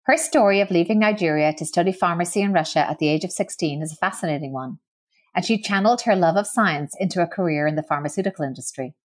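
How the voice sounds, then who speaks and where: A woman host reading a scripted intro and asking curious, measured interview questions. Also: lowish voice.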